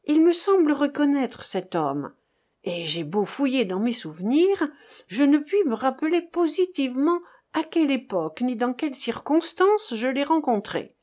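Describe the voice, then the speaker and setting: A woman's voice: high-pitched, very animated, moderate pace, a little mellow, voice pushed up. A woman voicing a grim, fierce male sailor in an audiobook, with a raised, urgent delivery. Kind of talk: audiobook dialogue reading.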